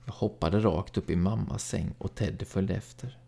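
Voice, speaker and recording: A man narrating a first-person story in a calm, even storytelling read. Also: deep voice, gravelly. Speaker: audiobook narrator.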